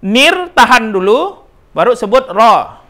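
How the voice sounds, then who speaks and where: Slow, patient man teaching Quran recitation. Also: very high voice, big pitch swings, sharp tone. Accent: Indonesian. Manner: slow, drawn-out demonstrations of recited syllables, repeating right and wrong forms; frequent "nah" and "ya" checks with the learner. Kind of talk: Quran pronunciation lesson.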